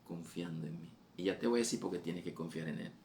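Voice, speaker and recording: A male preacher with a low, gravelly voice delivers a fervent sermon. He repeats his phrases and lifts his voice when he urges his listeners on. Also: rapid-fire, a little mellow. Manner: fervent, repetitive, voice rising on quoted exhortations.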